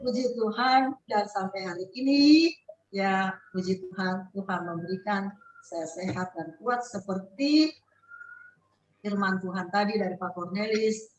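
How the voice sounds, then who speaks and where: An older woman telling a personal faith testimony in an animated way, acting out what others said to her. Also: mid-range voice, measured pace. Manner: animated storytelling, acting out the nurse's and doctor's words. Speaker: prayer group member giving a testimony. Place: online prayer group call. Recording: echoey, distant from the mic, faint noise.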